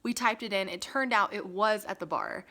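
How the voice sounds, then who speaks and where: A woman's voice: mid-range voice, normal speed, sharp tone. Chatty young woman vlogging. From Las Vegas, USA. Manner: chatty, lots of "like" and "um", laughs often. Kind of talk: casual chat to camera. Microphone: phone camera.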